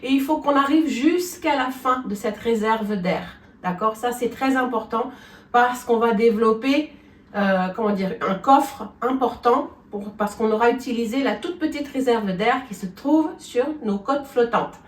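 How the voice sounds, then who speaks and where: A woman's voice: fairly high pitch, a little slow. A woman vocal coach gives a singing lesson, explaining things step by step and often checking in with her students. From France. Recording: echoey room, from a distance.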